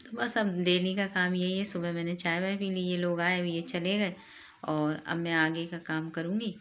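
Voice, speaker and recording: A woman's voice: on the low side, fairly even intonation, moderate pace. A middle-aged woman chatting casually in a home vlog, telling the day's events. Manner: chatty, homely storytelling. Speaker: vlogger. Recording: dull lo-fi sound, faint noise.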